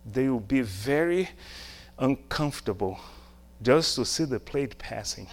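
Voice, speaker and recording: With slight background noise, a middle-aged man from Brazil preaches a sermon in an animated, medium-pitched voice, a little slowly. His delivery, marked by a Brazilian accent from his native Portuguese, relies on emphatic short phrases and rhetorical questions.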